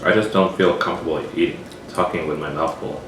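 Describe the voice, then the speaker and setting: Low-voiced man chatting over fried chicken. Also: fast, noisy background. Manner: relaxed, dry, talks between bites. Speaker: home cook and vlogger. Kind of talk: casual eating vlog chat. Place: home kitchen. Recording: echoey kitchen, mic at a distance, clattering dishes.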